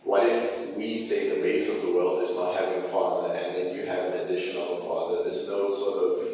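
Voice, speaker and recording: Young guy, deep monotone, lots of ums and likes, far off in a big echoey room with faint noise. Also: brisk. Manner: hesitant, soft-spoken, many fillers. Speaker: guest, host's son. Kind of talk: casual family chat. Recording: echoey hall, distant mic.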